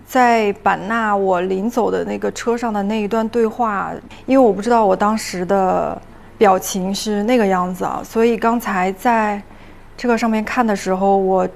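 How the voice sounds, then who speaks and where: A woman chatting on a watch-along panel, speaking hesitantly and thoughtfully with many pauses. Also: mid-range voice, fairly even intonation, creaky. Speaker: reality show cast member on a watch-along panel. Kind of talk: casual chat.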